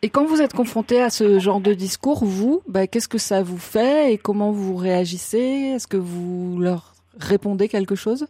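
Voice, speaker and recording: Mellow-voiced woman radio host. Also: mid-range voice, moderate pace, husky. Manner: gentle probing questions, rephrasing answers. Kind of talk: radio interview.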